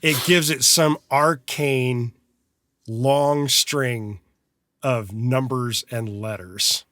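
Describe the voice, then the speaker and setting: A mixing engineer co-hosting a podcast in the studio chats casually, drawing out his words in a bright-ish mid-range voice with no room sound. He makes dry, sarcastic remarks about being particular with his files.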